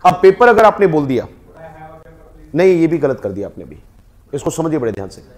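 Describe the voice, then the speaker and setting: A man's voice: on the high side, very animated, brisk, darkish tone. A man with an Indian accent teaching a spoken English class, prompting students to repeat words after him.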